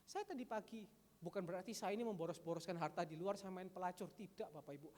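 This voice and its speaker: A male pastor preaching a sermon, lively, switching between loud emphatic calls and quiet asides. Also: sits high, fast. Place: large church hall. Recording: long church hall reverb.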